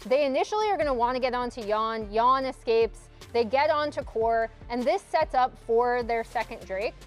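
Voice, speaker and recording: Female desk analyst, explanatory replay breakdown, higher voice, music under. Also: normal speed. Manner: explanatory, walks through replay. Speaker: esports analyst.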